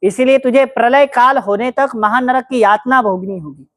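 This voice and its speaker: A woman's voice: on the high side, moderate pace, no echo, clean studio sound. Woman telling a devotional story. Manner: narrates vividly, asks listeners questions.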